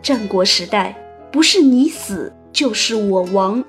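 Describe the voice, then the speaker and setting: A woman narrating a written story as an audio host, in a playful, chatty manner with lively asides. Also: medium pitch, a little slow, faint music behind.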